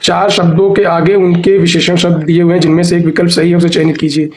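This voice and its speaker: High-voiced man drilling Hindi exam words. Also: flat delivery, fast, a little mellow. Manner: repeats each answer, drills spelling. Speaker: Hindi teacher. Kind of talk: exam prep lesson, reading word lists aloud.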